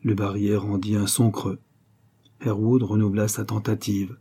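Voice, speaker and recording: A man narrating a French literary story as an audiobook, in a measured, even way. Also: fairly low pitch, slightly rough.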